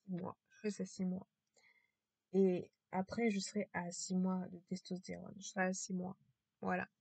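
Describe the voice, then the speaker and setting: A woman talking to camera in a casual vlog with a low, strained voice, hesitant and repetitive, full of fillers and restarts. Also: completely flat delivery, moderate pace, a little mellow, no room sound. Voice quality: low, gravelly voice.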